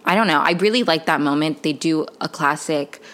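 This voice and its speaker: A woman with a low-pitched voice talks through a TV episode in a loose, chatty recap. Her speech is casual and full of fillers, with quick asides. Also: fairly bright tone. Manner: chatty, lots of "like" and "um", quick laughs. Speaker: TV recap vlogger.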